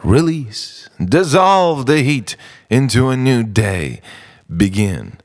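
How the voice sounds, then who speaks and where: A poet delivers an introspective spoken-word monologue, recorded close and dry with no echo. His performance is dramatic and deliberate, with a sing-song pitch that moves widely and pauses between lines.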